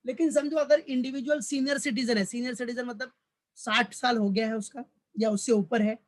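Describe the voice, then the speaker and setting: A man's voice: extremely high pitch, fairly even intonation, fairly quick. A man teaching a recorded lecture who calls his students "beta", repeats each point, and keeps asking questions that he answers himself. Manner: fatherly, addresses students as "beta". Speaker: college commerce lecturer. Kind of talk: recorded tax lecture in mixed Hindi and English.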